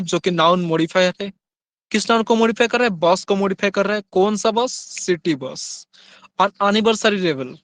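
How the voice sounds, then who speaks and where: High-voiced man teaching grammar. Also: fairly bright tone, no room sound. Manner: reads English examples slowly, explains quickly in Hindi with questions. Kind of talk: Hindi-English grammar lesson.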